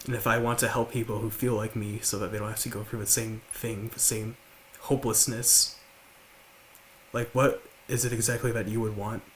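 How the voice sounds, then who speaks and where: A young man in his late teens with a slight lisp, talking quietly and haltingly to the camera at home. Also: lowish voice, level tone, a little hiss or hum. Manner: halting, with many fillers and restarts. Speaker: vlogger. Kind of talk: confessional talk to camera. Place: large house, indoors.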